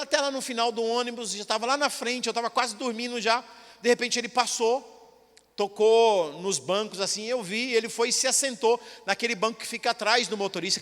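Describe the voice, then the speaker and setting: A male pastor tells a personal story from the pulpit, animated and emotional, acting out every exchange. His voice sits very high and sounds bright and sharp. A long church-hall reverb trails behind his words. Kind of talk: sermon testimony storytelling.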